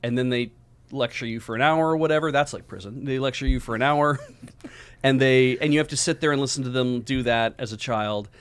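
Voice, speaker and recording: A man's voice: medium pitch, brisk, smooth. A middle-aged man co-hosting a casual discussion, rambling through points with everyday examples. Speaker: co-host.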